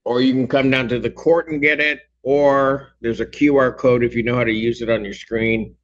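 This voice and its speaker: Brisk male judge on a lo-fi recording. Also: mid-range voice, steady tone. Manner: brisk, directive. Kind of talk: courtroom hearing.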